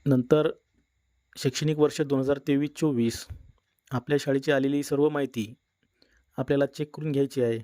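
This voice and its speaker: A man narrating a step-by-step software tutorial in a plain instructional manner. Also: medium pitch, fairly even intonation, normal speed, pauses often, no echo. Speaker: tutorial presenter. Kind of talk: screen-recorded software tutorial.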